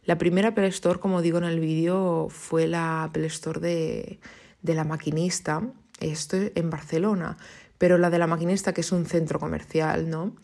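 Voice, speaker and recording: A young woman from Spain hosting a casual, unscripted podcast, rambling warmly and tagging sentences with little questions. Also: little pitch movement, normal speed. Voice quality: low, gravelly voice. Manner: chatty, rambling, frequent "¿no?" tags and giggles. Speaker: podcast host and tech YouTuber.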